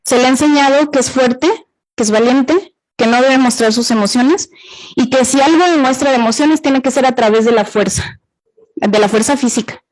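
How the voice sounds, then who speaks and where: A Mexican woman with a high voice gives an interactive talk to students. She explains carefully, asks the room questions and repeats their answers back to them. She sounds middle-aged. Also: moderate pace, poor audio. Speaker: university gender violence workshop speaker.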